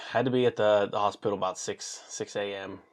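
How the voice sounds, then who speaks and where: A man in his thirties telling a personal story to camera in a casual, animated way, acting out what people said. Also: normal speed. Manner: animated, acts out quotes with big pitch jumps. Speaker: vlogger.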